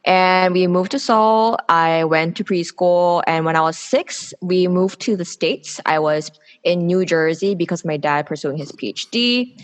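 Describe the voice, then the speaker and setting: A South Korean woman in her twenties, a public policy student, appears as a guest on a casual podcast interview. Her voice is on the low side and a little slow, and she speaks candidly and with opinions, explaining herself at length.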